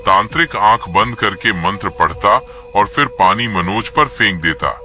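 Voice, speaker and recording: A man's voice: fairly low pitch, expressive, a little slow, pushed and bright, slight background noise. A man narrating a scripted horror story in a dramatic, suspenseful manner. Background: faint music.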